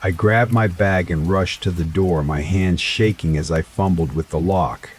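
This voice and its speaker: Deep-voiced man narrating horror. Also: measured pace, husky. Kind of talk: scripted first-person horror narration. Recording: faint rain sounds behind voice. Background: rain ambience.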